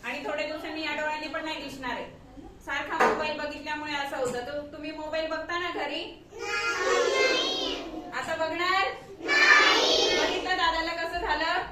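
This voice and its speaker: A woman's voice: high-pitched, normal speed, pauses often. A woman preschool teacher talking urgently to young children in a staged classroom skit, coaxing and scolding them. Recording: echoey room, far from mic, noisy.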